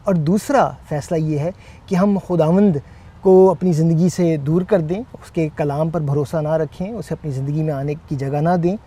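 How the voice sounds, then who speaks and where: A man co-hosting a Bible teaching talk, speaking in a measured way with frequent hesitant fillers. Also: fairly high pitch, fairly even intonation, warm tone, breathy edge. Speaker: co-host.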